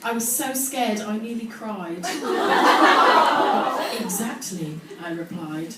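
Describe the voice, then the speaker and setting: Reading her own teenage diary aloud for laughs, a woman on stage acts out the drama and tosses in amused asides. Her mid-range voice has lively intonation and a slow pace. The live storytelling venue is full of audience noise and echo, heard through a distant mic.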